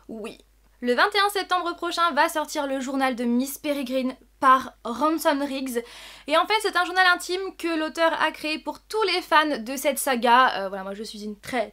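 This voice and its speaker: Excited woman booktuber, high bright voice, keeps going "really really". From France. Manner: enthusiastic, repeats words for emphasis. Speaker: book vlogger. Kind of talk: casual book review vlog.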